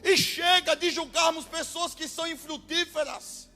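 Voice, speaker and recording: A man with a Brazilian Portuguese accent preaching a sermon as pastor, impassioned and bursting into shouted exclamations. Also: very high-pitched, fairly even intonation, moderate pace. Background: faint music.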